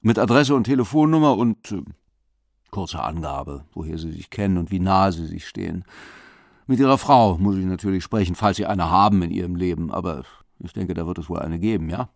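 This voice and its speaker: A man voicing a pushy, prying older investigator who talks fast and insistently. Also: deep voice, lively intonation, vocal fry, no echo, studio quality. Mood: probing.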